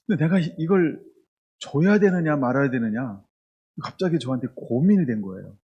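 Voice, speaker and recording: Male pastor, sermon; husky, lively rising-and-falling delivery, frank and confessional. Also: mid-range voice, normal speed, lo-fi sound. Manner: candid, confessional storytelling. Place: church.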